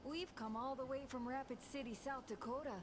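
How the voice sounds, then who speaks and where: A woman's voice: high voice, fairly quick, background noise, natural voice. An actress voicing a chatty middle-aged female tourist with a Midwestern accent, friendly and folksy. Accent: Midwestern American. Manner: friendly, folksy, calls people hun.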